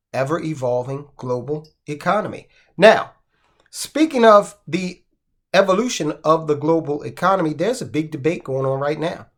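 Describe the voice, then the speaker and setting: A man from the United States hosting a finance channel, talking casually about the news with asides and rhetorical questions. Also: a little high. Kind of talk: casual commentary.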